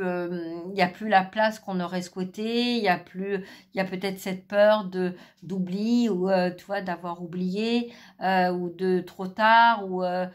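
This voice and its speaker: A middle-aged woman giving a spiritual card reading, hesitant with many fillers, speaking softly because she is losing her voice. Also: lowish voice. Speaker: tarot card reader.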